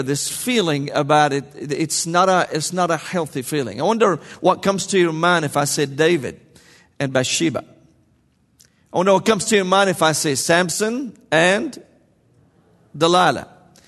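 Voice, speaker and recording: Lively high-voiced preacher, echoing hall. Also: male voice. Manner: lively, joking, calls to the congregation. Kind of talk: sermon. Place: large church sanctuary.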